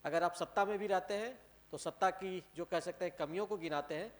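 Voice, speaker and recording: Male TV anchor, high voice, courteous and formal. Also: a little fast. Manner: polite, formal, echoes the guest's words. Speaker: TV interview host. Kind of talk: studio TV interview. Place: TV studio.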